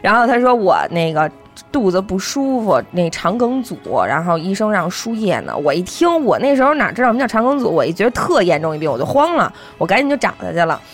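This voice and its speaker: A woman's voice: mid-range voice, very animated, fast talker, soft background music. A woman, chatting casually on a podcast and telling a funny family anecdote, acting out the quoted lines. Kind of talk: casual chat.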